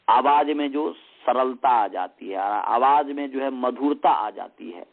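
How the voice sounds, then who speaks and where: A man teaching Sanskrit grammar, dictating lines slowly and repeating each phrase many times before he explains it. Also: medium pitch, vocal fry. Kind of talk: dictating and explaining a text to students. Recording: tinny phone-line sound.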